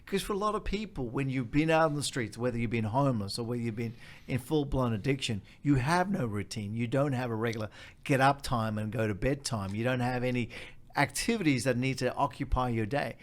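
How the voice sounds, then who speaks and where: A man's voice: mid-range voice, a little fast. A man with an Australian accent, a charity leader explaining in an interview step by step and stressing key points by repeating them.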